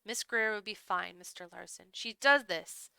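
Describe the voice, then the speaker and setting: A woman voicing a formal male butler in a visual novel, politely and firmly urging calm. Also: mid-range voice, gravelly, clean tone, dry recording. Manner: polite, measured pleading.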